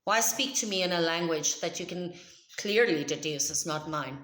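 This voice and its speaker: Her first language is Afrikaans, and this South African vlogger shares a personal tale to camera in a loud, emphatic, chatty voice. She sounds lowish and animated, keeps a moderate pace, and the space is reverberant.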